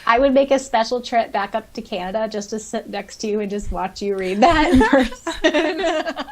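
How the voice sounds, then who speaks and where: A woman with a fairly high pitch and lively intonation, speaking at normal speed, co-hosts a podcast. Casually reading and reacting to listener comments, she gushes with enthusiasm over them and her favorite stories.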